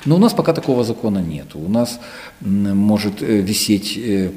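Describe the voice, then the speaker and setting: A middle-aged man heading a university language department, answering interview questions in a measured, lecturing way with some hesitation fillers. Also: fairly low pitch, big pitch swings, warm tone.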